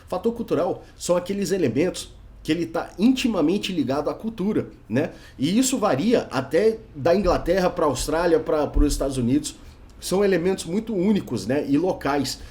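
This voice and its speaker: A man's voice: fairly high pitch, expressive, brisk, darkish tone. A young man with a Brazilian Portuguese accent, giving a casual video lesson on learning English and often tagging sentences with a questioning "right?". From Brazil, Brasília. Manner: chatty, tags many sentences with a questioning "right?". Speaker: English teacher.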